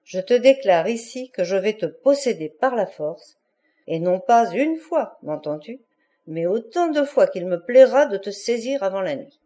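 A woman reading an audiobook, voicing a jilted man who speaks in a slow, controlled way. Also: mid-range voice, lively intonation, mellow, natural voice. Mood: cold. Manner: slow and measured.

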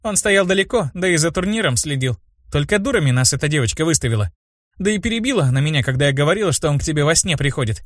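A man's voice: on the high side, expressive, quick pace, no room sound, clean studio sound, voice pushed up. A man voicing a teasing young sorceress. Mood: mocking. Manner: playful, mocking.

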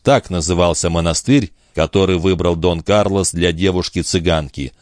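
A man narrating a novel aloud in a steady, measured storytelling manner. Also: low voice, no echo, clean studio sound. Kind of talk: audiobook reading.

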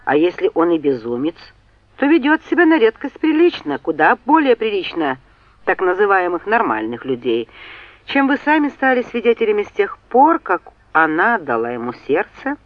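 A woman reading an audiobook, voicing a cool-headed young man who answers in a measured, cutting way. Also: medium pitch, big pitch swings, no room sound, muffled recording.

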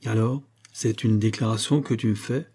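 A man's voice: on the low side, fairly even intonation, normal speed, warm tone, breathy edge. A man reading aloud voices a kindly older village mayor who asks blunt questions. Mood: questioning.

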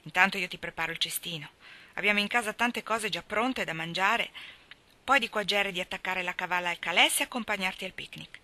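A woman reading aloud, voicing a strict but fair older farm woman who speaks in a measured, solemn way. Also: medium pitch, bright, forceful tone, lightly acted. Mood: practical. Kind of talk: audiobook reading.

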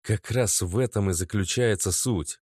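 A man's voice: lowish voice, normal speed, darkish tone, no room sound, studio quality, lightly acted. A man voicing a nervous young boyfriend who earnestly pleads to be believed.

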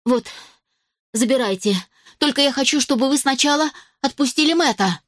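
A woman's voice: sits high, moderate pace, fairly bright tone, no room sound, clean studio sound, pitched above the performer's own voice. A woman voicing a stubborn teenage girl heroine who pleads and insists, in an audiobook. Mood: pleading.

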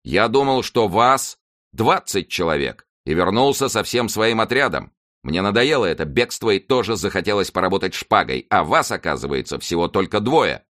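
A man voicing a loud, commanding nobleman with a resonant, mocking voice. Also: very animated, normal speed, no room sound, studio quality. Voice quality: resonant, booming.

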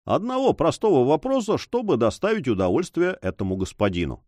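A man's voice: on the high side, big pitch swings, darkish tone, no room sound. A man doing a sly, taunting sailor. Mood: mocking. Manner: sly, taunting, slow and emphatic. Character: mocking, cool-headed sailor blackmailing an officer. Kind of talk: audiobook character voice.

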